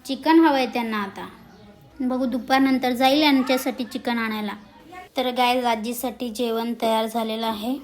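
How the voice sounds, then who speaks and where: High-voiced chatty young woman vlogger. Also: fairly even intonation, moderate pace. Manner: chatty, cheers on and scolds animals. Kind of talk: casual village vlog.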